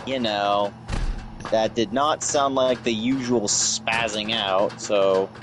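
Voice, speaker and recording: A man's voice: fairly low pitch, fairly even intonation, slow. A man chatting casually with a friend while playing video games.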